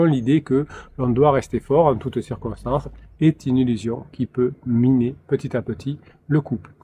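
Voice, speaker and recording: Male relationship coach, solo talk, halting delivery full of fillers, mellow timbre. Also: medium pitch, slight background noise. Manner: hesitant, frequent fillers and restarts.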